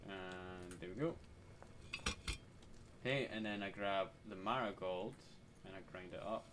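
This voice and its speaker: This gamer's voice is low and unhurried as he talks casually over his gameplay, muttering to himself and cursing freely. The game's noise comes through clearly behind him.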